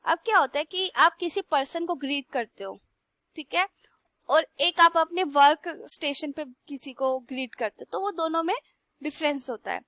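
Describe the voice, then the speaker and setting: A young woman teacher slowly reads textbook lines aloud and then explains them in Hindi. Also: high voice, bright, forceful tone, dry recording. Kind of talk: classroom lesson.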